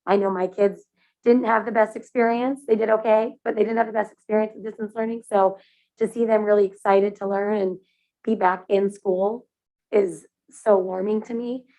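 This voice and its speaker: A woman's voice: mid-range voice, fairly even intonation, moderate pace, mellow. A woman board director and parent making upbeat, chatty remarks at a public meeting. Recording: muffled meeting-room audio.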